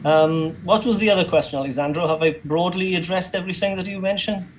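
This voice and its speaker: A man's voice: high voice, fast, slight background noise, rough recording. A man giving an academic talk over a video call, thoughtful and hesitant, with many fillers and restarts. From Wales. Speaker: conference panelist.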